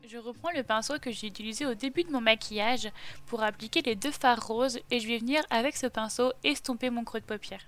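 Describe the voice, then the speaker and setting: Higher-pitched woman narrating a makeup tutorial. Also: a bit bright. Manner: chatty, step-by-step explaining. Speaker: beauty vlogger. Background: faint background music.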